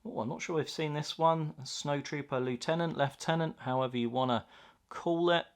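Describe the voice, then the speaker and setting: A man's voice: fairly high pitch, moderate pace, clean tone. A man chatting casually and enthusiastically as he hosts an unboxing, reacting aloud to what he finds. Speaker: host of a card pack opening video.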